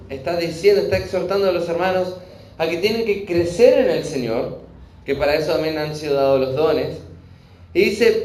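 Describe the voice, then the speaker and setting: Slow, high-voiced man preaching. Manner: slow, earnest, checks in with "¿Mm?". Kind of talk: sermon, verse-by-verse Bible teaching. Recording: echoey room with faint ambience.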